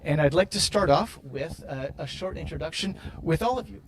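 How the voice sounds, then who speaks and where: An upbeat man hosts a panel discussion, welcoming each guest with effusive praise. His voice sits a little high for a man, and his talk runs loose with fillers. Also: wildly swooping pitch, moderate pace, noisy background. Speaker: panel moderator.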